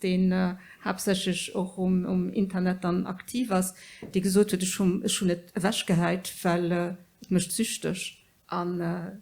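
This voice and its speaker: A middle-aged woman debating on a political panel. She talks in a steady mid-range voice, earnest and a little halting, with plenty of fillers as she searches for words. Her tone stays serious and engaged. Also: mid-range voice. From Luxembourg.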